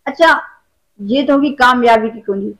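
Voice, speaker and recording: A woman hosting an interview, asking formal, measured questions. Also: a little high, poor audio. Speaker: interviewer host.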